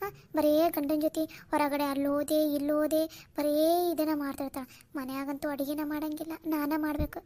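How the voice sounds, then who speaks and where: A woman's voice: sits high, level tone, normal speed, dark tone, natural voice. A woman with a North Karnataka Kannada accent voicing a worried older village mother-in-law who complains plaintively. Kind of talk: cartoon voice acting.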